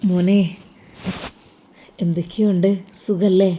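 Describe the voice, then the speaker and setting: A woman voicing an old religious teacher who is tender and fatherly, speaking in a hushed, slow way. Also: fairly low pitch, flat delivery, slight background noise. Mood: tender, blessing.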